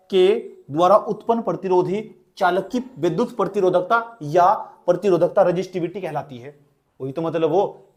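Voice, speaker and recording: A man's voice: high-pitched, darkish tone. A young male physics teacher in a classroom, urging students along, repeating phrases and calling on them by name.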